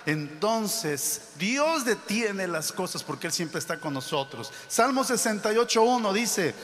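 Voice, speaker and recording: A man's voice: high voice, very animated, measured pace, fairly bright tone, big-room sound, slight background noise. A man preaching a sermon as pastor, building to emphatic exclamations.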